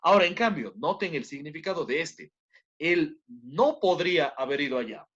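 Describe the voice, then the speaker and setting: A man's voice: a little high, lively intonation, moderate pace, a bit bright, breathy edge. A man teaching an online class, explaining a point step by step and often checking in with his students by asking questions. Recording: dull lo-fi online class audio.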